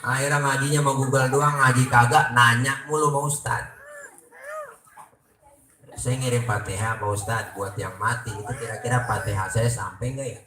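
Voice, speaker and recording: A man's voice: mid-range voice, fairly even intonation, normal speed, recorded from a distance. A man with a Jakarta Betawi accent giving a comic sermon at a prayer room gathering, acting out both sides of the dialogues he tells. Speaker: preacher. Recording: echoey room, noisy ambience.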